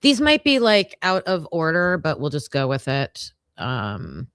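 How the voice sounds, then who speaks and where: A woman hosting a casual livestream case discussion, talking in a halting way with many fillers and frequent laughs. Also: low-pitched, huge pitch swings, smooth, dry recording, clean studio sound. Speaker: livestream host.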